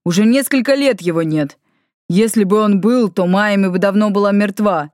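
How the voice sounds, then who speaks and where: A woman's voice: mid-range voice, normal speed, darkish tone, dry recording, natural voice. A woman voicing Valifor, a red-haired male demon with a dry, teasing manner. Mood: wry.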